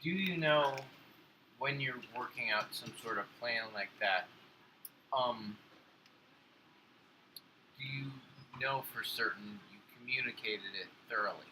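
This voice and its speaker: A man co-hosting a home cooking chat show, talking in a measured, reflective way with some joking. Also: medium pitch, sharp tone, a little hiss or hum, rough recording. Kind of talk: casual chat. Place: home kitchen.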